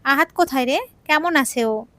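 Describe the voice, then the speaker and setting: A woman voicing an older father who fusses gently over his daughter on the phone in an audio story. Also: high-pitched, normal speed, no echo. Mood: concerned. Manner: gentle, fussing, fatherly advice. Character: worried elderly father on the phone.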